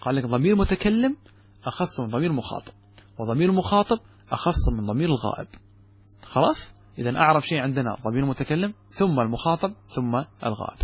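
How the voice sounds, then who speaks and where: A man teaching Arabic grammar from a classical text, with a Gulf Arabic accent, asking and answering his own questions and saying example words slowly with stress. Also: mid-range voice, big pitch swings, husky. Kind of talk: explaining a grammar text in a lesson.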